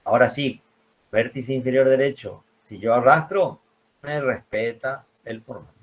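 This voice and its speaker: A man's voice: medium pitch, a little slow. A man teaching a spreadsheet class, explaining step by step in a patient way and often asking the class questions.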